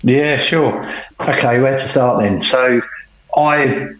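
A middle-aged Englishman appears as a podcast guest over a remote call from home, casually recounting his life story. He speaks unhurriedly in a mid-range voice with a plain, self-deprecating manner, and the roomy space leaves the call audio dull and muffled.

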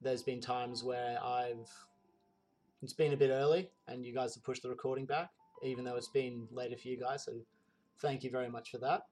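A man's voice: mid-range voice, level tone, moderate pace, darkish tone, soft background music. A man who plays in a role-play podcast, giving casual, grateful thank-yous with "um" fillers. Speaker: podcast player.

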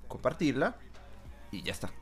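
A man's voice: medium pitch, huge pitch swings, moderate pace, faint music behind. A man hosting a podcast in casual chat, joking crudely and teasing his guest. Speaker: podcast host.

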